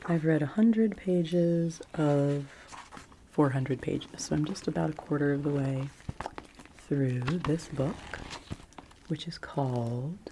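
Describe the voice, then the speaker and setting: A woman talking about books in a soft-spoken, hushed ASMR style close to a library whisper, gently delivered. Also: low-pitched, takes it slowly, a little hiss or hum. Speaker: book reviewer.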